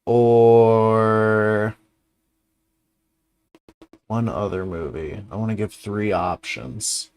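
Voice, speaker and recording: A man hosts in a loose, casual way, thinking out loud. He talks slowly, in a hesitant mutter, and swears freely. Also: on the low side, fairly even intonation, smooth. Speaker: livestream host reacting to videos. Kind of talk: casual chat, thinking aloud.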